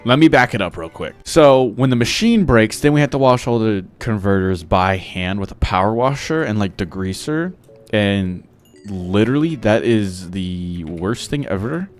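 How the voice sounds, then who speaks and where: Deep-voiced young man rambling a story. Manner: rambling, heavy filler words. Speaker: gaming vlogger. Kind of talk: casual storytelling while gaming.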